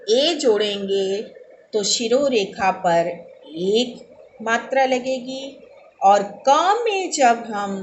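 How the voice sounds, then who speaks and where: Slow, patient woman teaching children. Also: a little high, roomy sound, a little hiss or hum, rough recording. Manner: slow, deliberate, repeats sounds for children to copy; checks understanding with questions. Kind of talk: recorded online lesson for young children.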